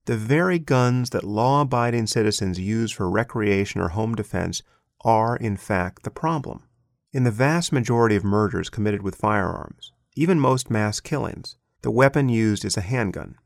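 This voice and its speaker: A man reading an essay aloud in a measured, deliberate way, stepping out now and then for brief spoken asides. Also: lowish voice, lively intonation, creaky, no echo, studio quality. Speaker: essay reader and commentator.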